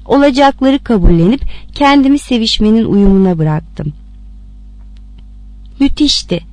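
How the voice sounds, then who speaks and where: A woman reading a story aloud with expressive narration. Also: on the high side, a little slow, dry recording. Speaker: reader.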